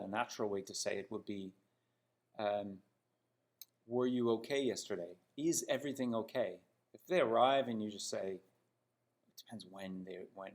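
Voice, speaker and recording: A Canadian-accented English teacher from Toronto, medium in pitch and slightly mellow, delivers a spoken lesson critiquing example sentences. He is emphatic and didactic, frequently asking check-in questions.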